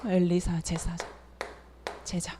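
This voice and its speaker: A woman's voice: lowish voice, completely flat delivery, slow, mellow, long reverb tail, a little hiss or hum. A woman preacher giving an afternoon sermon in a church, retelling a story with rhetorical questions.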